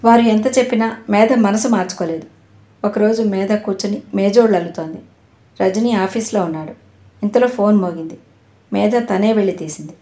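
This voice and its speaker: Calm, mellow woman narrating a novel. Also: medium pitch, normal speed. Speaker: audiobook narrator. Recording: roomy echo.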